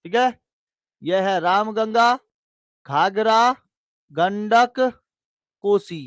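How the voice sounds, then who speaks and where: A man teaching in a high, unhurried voice. He drills lists again and again in a sing-song chant and keeps asking if the class has understood. The recording is dry, with no room sound. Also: a bit bright, no room sound. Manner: repeats lists in a sing-song chant, asks checking questions. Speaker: geography teacher. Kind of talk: classroom lesson with drilling repetition.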